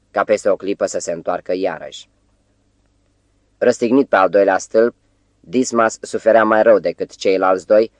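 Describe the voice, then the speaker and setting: A man reading a novel aloud as an audiobook narrator, in a measured, even-paced way. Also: fairly low pitch, no echo. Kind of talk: scripted literary narration.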